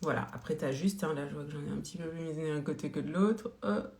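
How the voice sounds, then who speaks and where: A beauty seller hosts a casual live-stream product demo in a low, darkish voice with vocal fry, talking quickly, chatting with lots of fillers and greeting viewers by name. The recording has a roomy echo.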